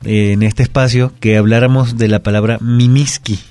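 A man's voice: mid-range voice, fairly even intonation, moderate pace, mellow, dry recording. A man, explaining word usage carefully and methodically as a language expert on a talk segment.

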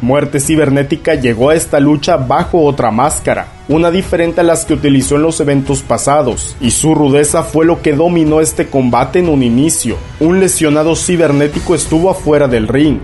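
A man's voice: on the high side, moderate pace, hardly any pauses, darkish tone. A man delivering scripted narration as the narrator of a lucha libre documentary. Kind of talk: scripted narration recounting wrestling matches. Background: background music.

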